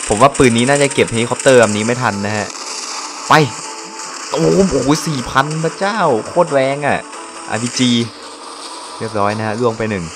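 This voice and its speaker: Excitable young Thai man playing a game. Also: mid-range voice, normal speed, pauses often, background noise. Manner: excitable, exclaims and laughs often, slangy; speaks quietly late at night. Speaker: gameplay commentator. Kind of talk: casual let's-play commentary. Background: game music.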